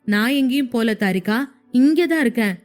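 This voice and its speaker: A woman voicing a caring young man who gently reassures his wife in a storybook narration. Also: on the high side, expressive, normal speed, faint music behind, close to an everyday voice. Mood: reassuring. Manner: soothing, reassuring.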